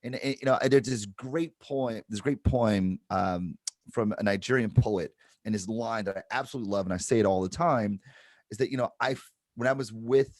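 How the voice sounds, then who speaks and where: A man's voice: on the low side, no room sound, studio quality. A middle-aged man from Detroit, speaking on a panel about advertising in a reflective way and checking in with "right?". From Detroit, Michigan. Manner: reflective, explains with repeated "right?". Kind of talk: panel discussion.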